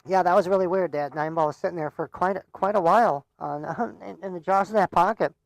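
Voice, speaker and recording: A man's voice: high voice, a little fast, creaky, dry recording. A man giving casual live commentary on a pool match. He chats, laughs often, and stumbles over repeated words.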